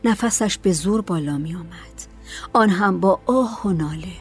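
Calm low-voiced woman reading a story. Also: faint music behind. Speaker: narrator. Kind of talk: scripted audiobook narration.

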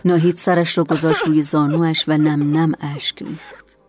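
Woman narrator, low voice, calm and measured, reading a radio drama, faint music behind. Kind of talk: scripted story narration.

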